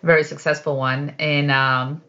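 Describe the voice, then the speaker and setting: A speaker from Poland answering interview questions thoughtfully, pausing on fillers. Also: mid-range voice, little pitch movement, pushed and bright. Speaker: guest, program leader. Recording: dull lo-fi audio.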